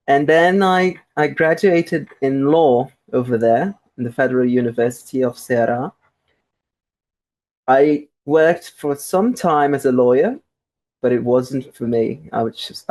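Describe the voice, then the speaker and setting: A young Brazilian man, a guest researcher, answers interview questions from home over a remote call with a Brazilian Portuguese accent. His mid-range voice is a little mellow, and he speaks conversationally with frequent restarts and fillers.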